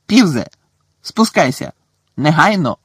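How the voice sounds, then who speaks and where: A man voicing a stern older female deputy headmistress who gives sharp, scolding commands. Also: fairly high pitch, lively intonation, unhurried, no echo, clean studio sound. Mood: stern commanding.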